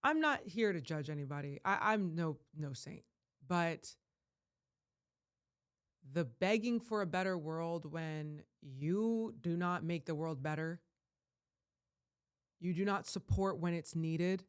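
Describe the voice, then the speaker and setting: A woman life coach giving an emphatic, rambling vlog monologue that surges to loud, heated peaks. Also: fairly low pitch, slow, long pauses, clear, resonant tone. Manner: rambling with frequent restarts.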